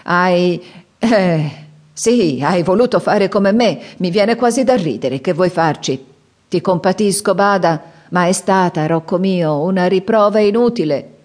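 Booming, bitter old father in an audiobook, read by a woman, pitched up and loud. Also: expressive, unhurried. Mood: gruff, scolding. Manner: booming, scolding, sighing. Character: gruff aging widower father, loud, bitter, mocking.

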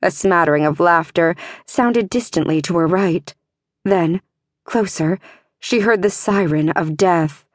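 A woman reads a fantasy audiobook in a measured, tense narration. Her voice sits on the low side, and she takes her time. The studio sound is dry and close to the mic. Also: no room sound.

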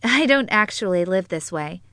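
A woman's voice: medium pitch, expressive, normal speed, pushed and bright, no room sound. Woman reading a poised middle-aged businesswoman.

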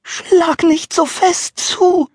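A man voicing a tiny, childlike talking piece of firewood in a very high, thin little voice. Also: fairly even intonation, very slow, darkish tone, no room sound, clean studio sound, full character voice. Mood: pleading.

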